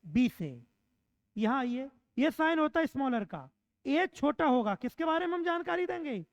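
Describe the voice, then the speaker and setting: A woman teacher giving an online exam-prep lecture, asking questions and answering them herself, repeating points slowly to drill them in. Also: high voice, big pitch swings, no echo. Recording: dull, slightly lo-fi dry recording.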